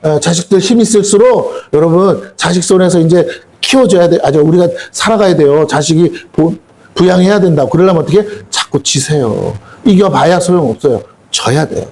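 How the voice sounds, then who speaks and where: A man's voice: a little high, a little fast, darkish tone. A middle-aged male pastor giving a folksy, colloquial sermon full of rhetorical questions to his congregation. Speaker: senior pastor. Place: church sanctuary.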